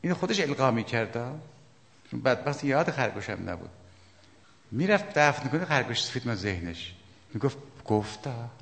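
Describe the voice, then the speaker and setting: A man preaching a sermon, emphatic, swinging between loud outbursts and hushed asides. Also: mid-range voice, big pitch swings, gravelly, slight background noise. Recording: long hall reverb.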